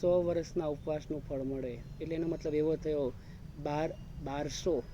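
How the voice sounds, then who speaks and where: Monk man preaching, keeps asking the crowd questions, high voice, muffled lo-fi sound. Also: fairly even intonation, moderate pace, background noise. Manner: quizzes the audience with repeated rhetorical questions; drills points by repeating phrases. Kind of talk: evening sermon. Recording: dull lo-fi recording.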